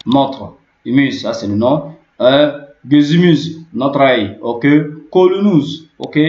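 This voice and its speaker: A man giving a spoken language lesson, repeating each word many times with lots of fillers and "ok". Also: medium pitch. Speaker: language teacher. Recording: echoey lo-fi room recording.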